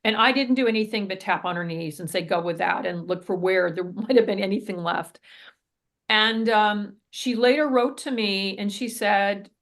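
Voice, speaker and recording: A woman's voice: medium pitch, moderate pace, fairly bright tone. A woman therapist, a guest on an interview podcast, telling a case story earnestly and vividly, often acting out what people said.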